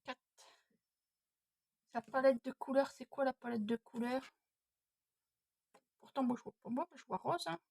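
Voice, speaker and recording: A woman's voice: sits high, measured pace, vocal fry, pauses often, darkish tone, husky, no echo. A woman in her thirties, a budgeting vlogger, thinking aloud and muttering to herself at home while she works through savings challenges. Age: 30s. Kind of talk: casual self-talk while doing savings challenges.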